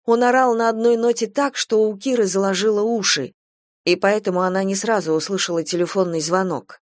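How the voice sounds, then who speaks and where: A woman reads a dark story aloud in a measured, expressive narration with a dry, ironic edge. Her voice sits at a middle pitch for a woman. The recording is close and dry with no room sound. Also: no echo. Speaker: audiobook narrator.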